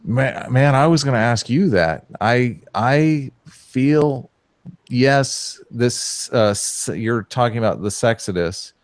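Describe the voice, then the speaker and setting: A man's voice: medium pitch, lively intonation, takes it slowly, dry recording, clean studio sound. A man in his forties, an easygoing and joking guest in a casual interview. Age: 40s.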